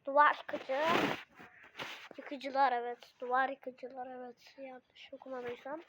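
A woman who is sick and coughing, giving excitable, sarcastic casual commentary while playing a mobile game. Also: high-pitched, measured pace, muffled recording, background noise. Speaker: gamer streamer.

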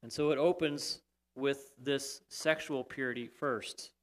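A man's voice: medium pitch, fairly even intonation, a little slow. A man preaching a sermon, explaining steadily and pressing key points. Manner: explanatory, emphatic at times, with restarts. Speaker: pastor.

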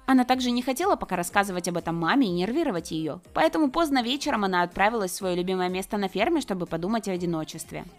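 A woman narrating an animated story in a brisk, scripted storytelling manner. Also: mid-range voice.

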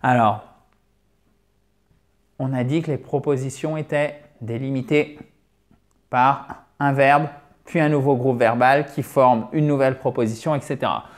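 In a mid-range voice, a man explains an English pronunciation lesson at a board, speaking animatedly and greeting viewers as dear friends. He models every sound by slowly repeating English words.

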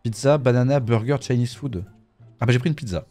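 A man commentating a horror game let's play in a jokey, animated way. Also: mid-range voice, brisk, faint music behind. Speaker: gaming YouTuber.

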